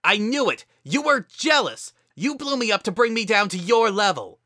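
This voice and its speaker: A narrator voicing an injured young female pegasus pony who is bitter and fiery, raised high and loud. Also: animated, moderate pace, no echo, clean studio sound. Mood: furious.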